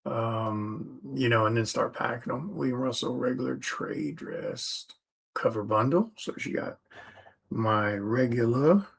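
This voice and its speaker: A man's voice: medium pitch, measured pace, vocal fry, breathy edge. A tired man who is a comic artist, chatting casually on a livestream while he sorts orders and mutters the items to himself.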